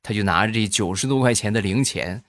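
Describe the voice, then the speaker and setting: A man telling comic stories in an animated, chatty way. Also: lowish voice, fairly quick, no room sound, clean studio sound. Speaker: comedian telling jokes. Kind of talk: comic storytelling.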